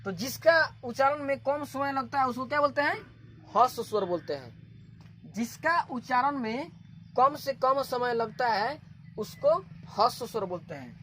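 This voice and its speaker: A woman from India teaching a grammar lesson, explaining slowly, repeating terms and asking questions that she then answers herself. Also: high-pitched, expressive, a bit bright, a little hiss or hum.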